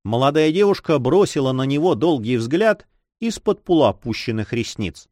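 Expressive male audiobook narrator. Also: mid-range voice, moderate pace, no echo, studio quality. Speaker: audiobook reader. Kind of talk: scripted narration.

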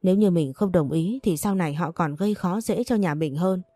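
A woman voicing a young daughter who calmly and firmly persuades her mother. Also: on the low side, fairly quick, no room sound, lightly acted. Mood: persuasive. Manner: calm, firm, persuasive. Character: young daughter, resolute and self-sacrificing.

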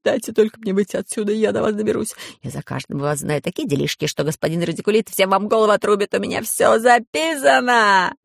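A man voicing a greedy, treacherous male pygmy who yells in a shrill voice in an audiobook. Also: quick pace, creaky, hardly any pauses, no room sound, clean studio sound. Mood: desperate. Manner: shrill yelling, pleading.

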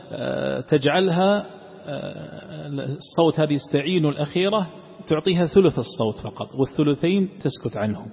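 A man gives a patient, step-by-step lesson, slowing down to chant verses as examples. His voice sits at an ordinary middle pitch. The recording is dull and lo-fi, with long reverb from a large hall. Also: gravelly. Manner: explains slowly, demonstrating verses in chanted recitation. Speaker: sheikh teaching Quran sciences. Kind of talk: classroom lesson explaining recitation rules.

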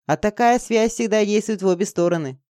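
A man's voice: sits high, brisk, a little mellow, dry recording, clean studio sound, pitched above the performer's own voice, lightly acted. A reader voicing Jeff, a smug, arrogant male wizard who lectures and gloats in an audiobook. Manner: lecturing, triumphant.

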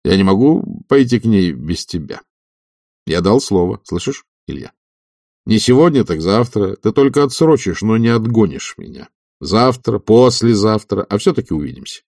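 A man voicing an urgent, forceful friend. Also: lowish voice, animated, moderate pace, dry recording, studio quality. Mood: insistent. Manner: urgent and insistent. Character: energetic, forceful loyal friend, a man in his prime. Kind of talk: audiobook reading.

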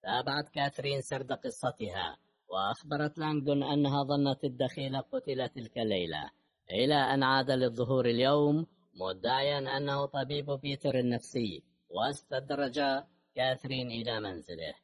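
A man narrating an audiobook novel in a steady, measured reading voice. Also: mid-range voice, dry recording. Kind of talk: scripted narration.

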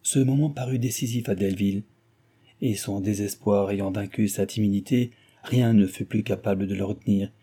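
A man reads a classic novel aloud as an audiobook narrator. His voice is very dark and mellow, with a husky edge. The reading is measured and even. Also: on the low side. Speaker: audiobook reader.

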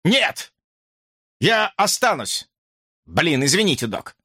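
A man's voice: on the high side, very animated, slow, sharp tone, breathy edge, no room sound, clean studio sound, heavily acted. A man reading an audiobook, voicing an agitated, sleep-deprived young man who pleads and erupts in outbursts. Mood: pleading. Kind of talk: audiobook character voice.

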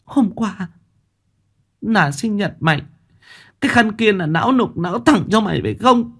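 A man's voice: high-pitched, animated, normal speed, slightly rough, pitched above the performer's own voice, heavily acted. A man voicing a furious, betrayed young village wife who screams and accuses. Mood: shrieking, furious. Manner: screaming, hysterical.

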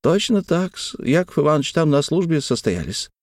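A man's voice: a little high, big pitch swings, normal speed, no echo, studio quality, pitched above the performer's own voice. A man reading in a raised voice as an eager, devoted old male servant who repeats his words fussily. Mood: mournful.

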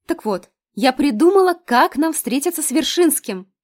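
A lovestruck, dreamy young woman, as a female audiobook reader puts her on, gushing about her idol in bright high tones. She swings from breathy, drawn-out swooning to eager pleading. Her voice sits well above the reader's own and carries extra force. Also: animated.

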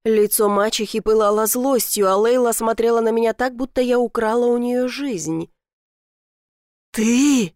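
A woman narrating a first-person novel in measured audiobook style. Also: a little high, a little mellow, dry recording, studio quality.

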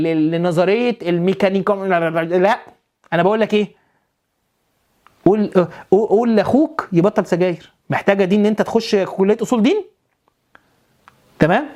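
A preacher with an Egyptian Arabic accent gives a religious lesson, often repeating phrases and posing rhetorical questions to his listeners. His voice sits high with a darkish tone.

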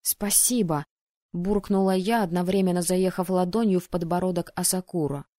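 Woman reading an audiobook in first person, expressive telling, dry close studio sound, close mic. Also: on the low side, brisk, no echo. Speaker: audiobook reader.

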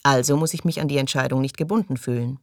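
A woman reading an audiobook and voicing a calm, self-assured man who speaks in a measured, unruffled way. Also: extremely low pitch, no room sound, studio quality.

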